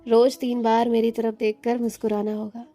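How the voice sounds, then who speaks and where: A woman's voice: fairly high pitch, flat delivery, moderate pace, mellow, faint music behind, close to an everyday voice. A woman reading the part of a playful young man imitating a bossy professor in a storybook, mock-stern and teasing.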